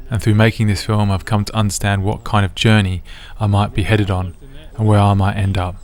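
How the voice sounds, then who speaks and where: Low, flat-voiced Australian documentary narrator. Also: male voice. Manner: measured and introspective. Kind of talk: scripted narration.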